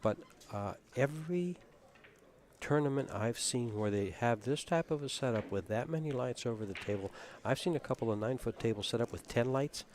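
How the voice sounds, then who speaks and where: A man's voice: medium pitch, slight background noise. Easygoing man calling a pool match. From Tucson, Arizona. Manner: relaxed, knowledgeable, chatty. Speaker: play-by-play commentator. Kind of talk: pool tournament commentary.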